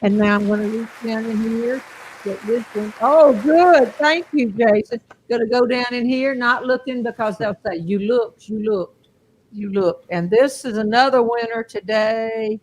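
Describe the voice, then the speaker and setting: A woman's voice: on the high side, normal speed. Chatty Southern woman host. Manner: chatty, self-amused. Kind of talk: casual chat.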